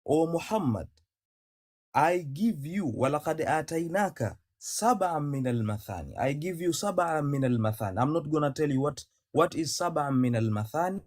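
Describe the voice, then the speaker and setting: A man's voice: fairly high pitch, lively intonation, very fast, darkish tone, no room sound, studio quality. A man from Tanzania, debating religion on a call, who talks insistently, repeats himself and recites Arabic verses. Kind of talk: heated debate.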